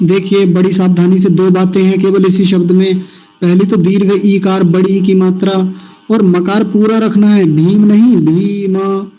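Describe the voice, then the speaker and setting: A man teaching Sanskrit verse pronunciation in an online class, slowly drilling each syllable and having students repeat after him. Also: high-pitched, monotone, dark tone, highs cut off. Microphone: video call.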